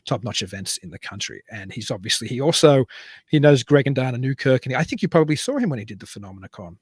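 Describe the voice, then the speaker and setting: A man hosting a casual online show from his home over a video call. His voice is mid-pitched and sits close and dry in the mic. He rambles and corrects himself as he introduces a guest. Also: sing-song, fast, husky, dry recording. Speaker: podcast host.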